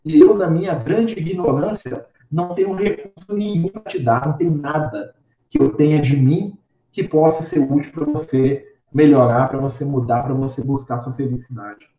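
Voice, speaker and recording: A gentle old doctor speaks softly and earnestly, humble and pleading, as a man quotes him while telling a story. The voice sits a little high and comes from far off in an echoey room with a dull tone. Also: normal speed, natural voice. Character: humble elderly male doctor, gentle and ashamed. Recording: roomy, distant, dull sound.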